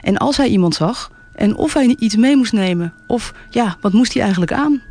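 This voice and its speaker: Gentle, gravelly storyteller. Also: mid-range voice, expressive, moderate pace. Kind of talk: calm storybook narration on radio.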